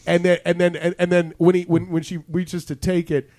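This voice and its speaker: A man's voice: high voice, little pitch movement, brisk, darkish tone, no room sound. A man hosting a podcast in casual chat, rambling and joking, acting out lines from ads. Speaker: podcast host.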